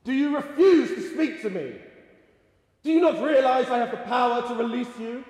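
A man's voice: extremely high pitch, lively intonation, normal speed, a little mellow. A man playing Pontius Pilate, a mocking, exasperated Roman governor, declaiming theatrically in a dramatic Passion reading. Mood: exasperated, forceful. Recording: echoey reverberant hall.

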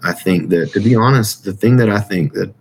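A man with a very low-pitched voice talks casually as an interview guest. He is earnest and informal, rambling and repeating phrases as he shares his experience. There is some background noise in the recording. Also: brisk. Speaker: interview guest, military veteran. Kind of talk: casual conversational testimony.

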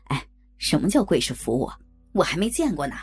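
A woman's voice: sits low, big pitch swings, fairly quick, breathy edge, soft background music, voice pushed down, full character voice. A woman voicing a brash, crude young man. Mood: leering.

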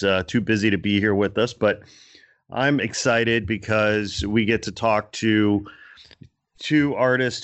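A man's voice: fairly low pitch, fairly bright tone, smooth, no room sound. A man hosting a podcast in casual chat, laid-back, with frequent fillers and restarts. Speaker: podcast host.

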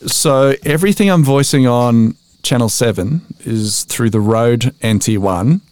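An unhurried, expressive Australian man in his forties, this voice-over artist speaks in a slightly mellow mid-range voice with no room sound. Chatting casually on a podcast, he pokes fun at himself and performs the quotes in his anecdotes.

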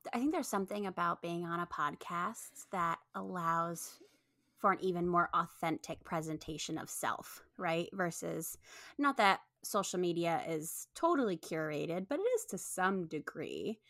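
A woman's voice: on the low side, expressive, normal speed, a bit bright, no echo, clean studio sound. An American woman co-hosting a podcast, chatting casually and asking questions in a conversational way. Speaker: podcast co-host.

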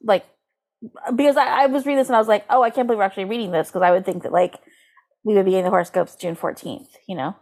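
This podcast co-host has a mid-range, darkish voice and a quick pace. She joins in casual comedic banter, sounding informal and incredulous, and sometimes gives dramatic readings aloud.

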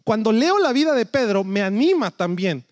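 A man's voice: sits high, sing-song, normal speed, a little mellow, no echo, clean studio sound. A man, a pastor preaching a sermon in a conversational storytelling way that keeps checking in with his listeners.

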